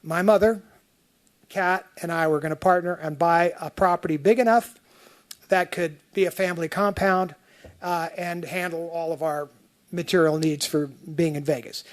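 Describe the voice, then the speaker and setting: A man's voice: sits high, normal speed. Man rambling through hearing testimony. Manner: rambling and conversational, often restarting sentences. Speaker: taxpayer appellant testifying at a tax appeal hearing. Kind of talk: spoken testimony walking through slides.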